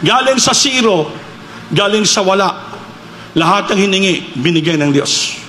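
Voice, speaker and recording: Bright-voiced preacher in an echoing hall. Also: male voice, measured pace. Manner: animated, climbing into loud, high-pitched cries when quoting prayers. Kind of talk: sermon with retold testimonies. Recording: echoey hall, faint background noise.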